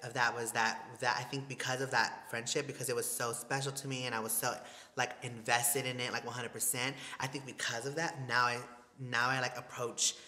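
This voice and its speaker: A man's voice: mid-range voice, level tone, brisk, sharp tone. A young man co-hosting a casual podcast chat, candid and rambling, peppering his talk with filler and slang. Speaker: podcast co-host. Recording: echoey room with long reverb.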